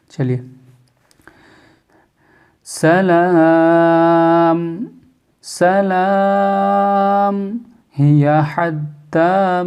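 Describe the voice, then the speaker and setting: A man teaching Quran reading in Hindi-Urdu. He explains the rules for stopping in casual speech, then recites each verse slowly and draws it out. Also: fairly high pitch, dark tone. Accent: Indian or Pakistani Hindi-Urdu. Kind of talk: slow step-by-step recitation lesson.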